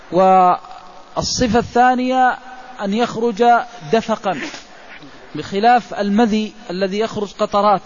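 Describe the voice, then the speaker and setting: Man with a fairly high voice teaching religious law, slow and explanatory, dull lo-fi tape. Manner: measured, explanatory, pauses with drawn-out fillers. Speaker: religious scholar teaching jurisprudence. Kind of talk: classical religious lecture explaining a legal text. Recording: dull lo-fi recording with faint hiss.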